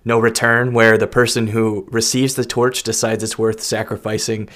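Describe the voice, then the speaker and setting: A man hosting a casual podcast, relaxed and agreeable as he puts questions to his guest. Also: fairly low pitch, moderate pace. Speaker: podcast host.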